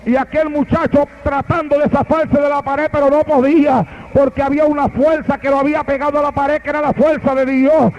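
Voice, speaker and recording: A man's voice: very high voice, little pitch movement, fairly quick, few pauses. A man preaching a fiery sermon, telling a story emphatically and calling out to the congregation. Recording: dull lo-fi sound.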